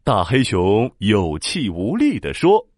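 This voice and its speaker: A man narrating a children's story in an animated, expressive storytelling manner. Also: lowish voice, slow pace, dry recording, studio quality.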